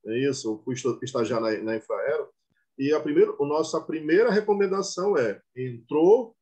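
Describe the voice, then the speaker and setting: A man's voice: a little high, fairly quick, a little mellow. Brazilian male teacher, online class, repetitive, checks in with students often. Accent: Brazilian Portuguese.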